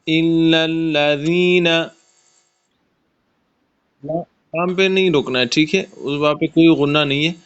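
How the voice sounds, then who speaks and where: Male tajweed teacher on an online call: patient, explains sounds step by step, resonant voice, lo-fi audio. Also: a little high. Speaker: Quran recitation teacher. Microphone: video call.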